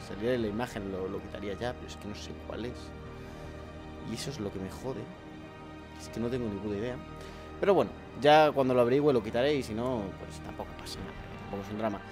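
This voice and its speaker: Hoarse gamer rambling over music. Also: male voice, fairly low pitch, quick pace. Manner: rambling, swears freely, talks to viewers. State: sore strained throat. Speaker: gameplay YouTuber. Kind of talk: casual gameplay commentary. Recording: faint music behind.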